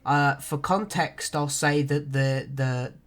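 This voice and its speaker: A young man whose voice sits a little higher than most, thick and nasal from a cold. He talks in an easygoing, offhand way as a podcast co-host, swearing now and then. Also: takes it slowly, fairly bright tone. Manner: laid-back, swears casually. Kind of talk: casual chat.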